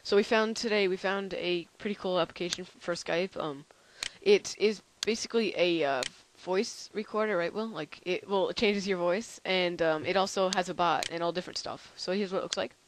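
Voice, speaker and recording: A tired young man hosting a casual software demo, rambling and halting with lots of fillers. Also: high-pitched, slight background noise, rough recording. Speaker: channel host.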